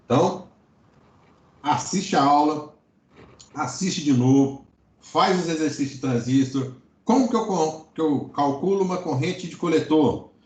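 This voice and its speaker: With a slightly high, darkish voice at a measured pace, a Brazilian man gives a relaxed online electronics lecture, explaining ideas and often checking in with quick tags. His class audio has a roomy echo.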